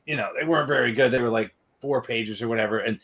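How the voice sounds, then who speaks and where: A man's voice: medium pitch, quick pace, fairly bright tone. A man, hosting a podcast and telling rambling anecdotes full of filler tags. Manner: rambling, many "or whatever" tag-ons. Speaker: podcast host. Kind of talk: casual storytelling chat.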